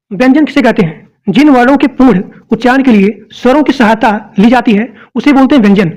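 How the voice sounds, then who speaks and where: A teacher walks through an exam-prep grammar lesson at a steady, mid-pitched level. The delivery is explanatory and repetitive, and each point is said twice while the teacher addresses the students directly. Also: poor audio.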